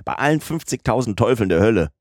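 A man's voice: on the low side, animated, quick pace, no room sound, voice pushed up. Blustering old sea captain, furious and cursing, read by a man; dry studio audiobook. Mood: gruff bargaining. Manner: shouting curses, choking with rage.

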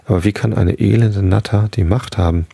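A man's voice: fairly low pitch, fairly even intonation, fairly quick, gravelly, warm tone, breathy edge, no room sound. A man voicing Graufell, a downcast old elk. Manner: subdued, heavy-hearted speech. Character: gloomy, gentle old bull elk.

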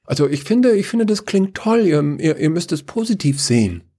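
A man's voice: mid-range voice, lively intonation, moderate pace, darkish tone, voice pushed up, lightly acted. A man voicing a clumsy, scatterbrained male figure of Chaos who stammers and apologizes in a rush. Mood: eager.

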